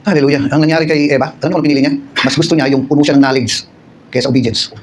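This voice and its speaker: A man's voice: fairly high pitch, little pitch movement, rapid-fire. A middle-aged Filipino man preaching a conversational midweek sermon, asking his congregation rhetorical questions and telling personal stories. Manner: personal storytelling with acted quotes. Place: church service.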